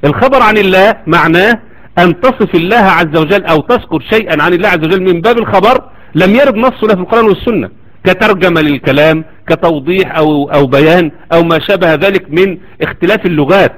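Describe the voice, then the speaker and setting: A man with an Egyptian Arabic accent delivers a religious lecture at a rapid clip. His voice sits high, and he presses his argument with one rhetorical question after another. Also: a bit bright, poor audio. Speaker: Islamic lecturer.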